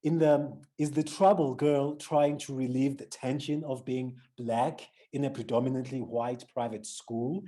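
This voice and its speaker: A South African-accented man with a dark, mid-range voice interviews an author about a book. He opens by reading an introduction and then poses questions, restarting often.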